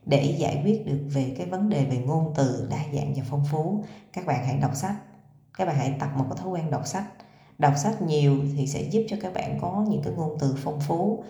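A woman's voice: low voice, moderate pace, dark tone, reverberant. A woman coaching on speaking voice, chatting directly to her listeners with frequent hesitation fillers. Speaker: voice coach and podcaster. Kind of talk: casual advice talk to viewers.

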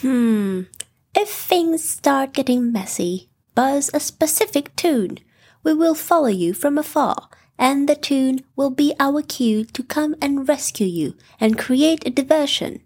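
A woman voicing a practical, earnest male rabbit who gives brisk instructions in a children's bedtime story. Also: sits high, expressive, a little mellow, pitched above the performer's own voice. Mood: advising. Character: Rabbit, male storybook animal, practical advice-giving planner.

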